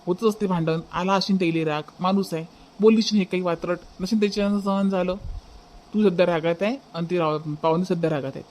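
A man voicing a caring young brother in a cartoon dub, with a Varhadi Marathi accent, questioning and calming his family. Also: sits high, quick pace, slight background noise, lightly acted. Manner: surprised questioning, then calming. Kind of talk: cartoon dubbing.

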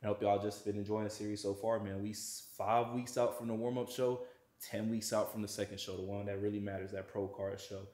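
A man's voice: fairly low pitch, flat delivery, brisk, darkish tone. A young man talking casually to camera in a slangy, laid-back way while cooking in a large home kitchen. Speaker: fitness vlogger. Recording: echoey kitchen room.

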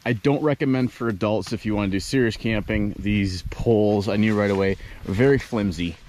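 A man's voice: fairly low pitch, fairly quick, a little mellow. A man in his thirties making a casual camping vlog, chatting to the camera with lots of ums and uhs, outdoors beside a cornfield. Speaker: outdoor vlogger and dad. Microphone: handheld action camera at arm's length.

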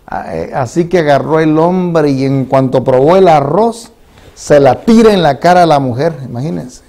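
Pastor preaching in church, kinda high voice but mellow, tells stories and does the voices. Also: male voice, animated, normal speed. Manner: storytelling preacher, voicing characters in quoted dialogue. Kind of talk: sermon. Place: church sanctuary.

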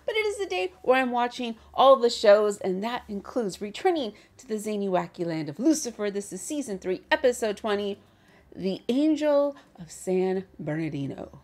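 A woman chatting casually as she hosts a reaction video from her bedroom, animated and laughing often. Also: mid-range voice, moderate pace.

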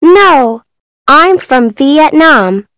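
A high little schoolgirl. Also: lively intonation, a bit bright, no echo, clean studio sound, heavily acted. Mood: bright. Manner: slow, carefully spoken replies. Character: young schoolgirl introducing herself. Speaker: voice on an English course listening recording.

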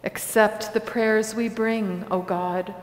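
Brief: woman pastor, slow measured liturgy, echoey church hall. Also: mid-range voice, steady tone. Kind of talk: liturgical prayer and communion liturgy. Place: large church sanctuary.

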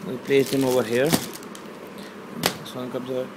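In a small bedroom, an Urdu-speaking man unboxes a product on a handheld phone, speaking slowly in a level, mid-range voice. Hesitant and full of fillers, he reads box labels as he goes. Heavy background noise fills the recording.

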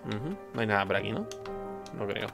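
A man's voice: fairly low pitch, very animated, brisk, vocal fry. Man swearing through a game. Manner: exclaims and swears at hits, chatty asides. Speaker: gameplay streamer. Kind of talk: casual let's-play commentary. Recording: game soundtrack loud behind voice. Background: game music.

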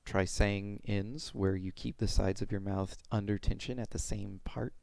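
A young adult man giving an informal, step-by-step pronunciation lesson in a halting way, speaking into a headset mic at home. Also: on the low side, little pitch movement, gravelly, a little mellow, dry recording. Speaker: pronunciation teacher. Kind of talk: informal instructional explanation with demonstrated sounds. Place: small room at home.

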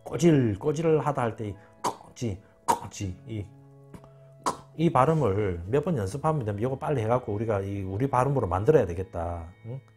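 A man's voice: on the low side, expressive, moderate pace, darkish tone, husky, faint music behind. A man giving an informal spoken lecture, emphatic and repeating words over and over. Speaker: channel host.

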